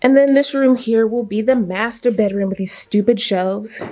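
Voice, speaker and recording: A woman's voice: fairly high pitch, moderate pace, dark tone. A woman in her twenties chatting casually to viewers as she tours her empty new house, a little out of breath. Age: 20s. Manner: chatty, upbeat, talking to viewers. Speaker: vlogger. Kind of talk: casual home tour vlog.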